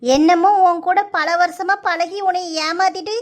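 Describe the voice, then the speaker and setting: A woman's voice: very high-pitched, fairly even intonation, moderate pace. A woman voicing a reproachful, indignant middle-aged village mother in a cartoon, with a southern Tamil Nadu accent. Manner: reproachful, scolding.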